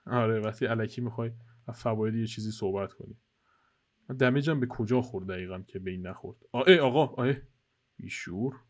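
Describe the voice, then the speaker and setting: A man's voice: fairly low pitch, steady tone, darkish tone. A young man casually commentating co-op gameplay for his channel, joking and teasing his teammate while guiding viewers. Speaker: gaming channel host. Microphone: headset.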